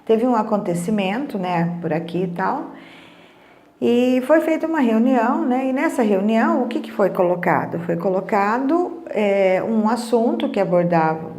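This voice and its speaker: A woman's voice: medium pitch, darkish tone, roomy sound. A middle-aged Brazilian woman giving a casual talk on emotions, chatty, often asking "né?" and retelling conversations. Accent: Brazilian Portuguese. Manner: conversational, frequent tag questions, retells dialogue. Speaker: emotional wellness speaker. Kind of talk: casual teaching monologue.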